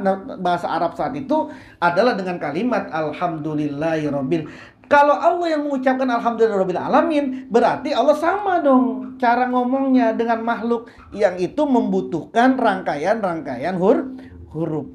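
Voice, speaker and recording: A woman's voice: mid-range voice, animated, normal speed, darkish tone. Woman religious teacher, kitab lecture, phrase-by-phrase casual explaining; roomy room sound with faint background noise. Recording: roomy echo with faint hiss.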